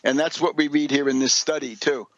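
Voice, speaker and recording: An American radio host and political commentator reads articles aloud and adds his own asides, sounding emphatic, opinionated and sardonic. His voice is on the high side and a bit bright, with fairly even intonation and a brisk pace. The audio is dull.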